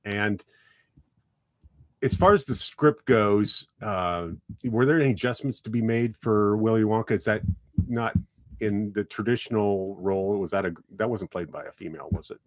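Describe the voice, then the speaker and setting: A man's voice: fairly low pitch, normal speed, no echo. Joking, rambling male radio host, dry studio. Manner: joking, rambling, with frequent restarts. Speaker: radio talk show host. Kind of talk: casual radio interview.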